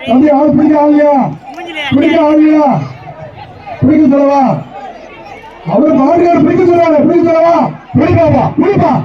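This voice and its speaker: Announcer over a loudspeaker: high, strained shouting man, distant echoey PA sound. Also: flat delivery. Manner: shouted rapid-fire calls, repeats words. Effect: heard through a public address loudspeaker. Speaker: bull-taming event announcer. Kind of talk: live event commentary over loudspeaker. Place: outdoor arena with a crowd. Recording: distant echoey loudspeaker, muffled, crowd noise.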